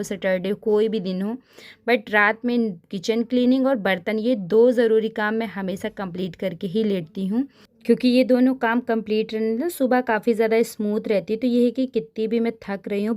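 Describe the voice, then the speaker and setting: A woman in her thirties narrates her home routine in a relaxed vlog voice-over. She sounds chatty and advisory, steps through each chore and stops to offer homely tips at a medium, natural pitch. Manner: chatty and advisory, often turning to tips for the viewer. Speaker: home vlogger.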